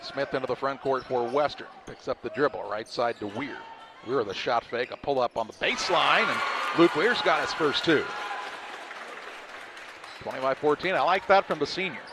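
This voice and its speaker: A man calling a high school basketball game in quick, clipped play-by-play. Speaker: play-by-play announcer. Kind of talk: live sports commentary. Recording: crowd noise and gym ambience behind.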